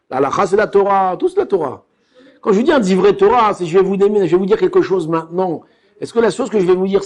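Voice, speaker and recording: A rabbi gives a lively, street-casual Torah lesson, telling a story and playing out each scene. His voice sits high for a man and swings widely up and down as he talks. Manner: animated, colloquial, acts out scenes.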